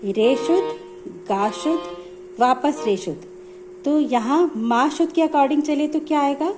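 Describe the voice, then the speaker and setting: A woman's voice: sits high, a little slow. A woman music teacher explaining notes step by step in a patient, repetitive way. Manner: patient, explanatory, repeats points.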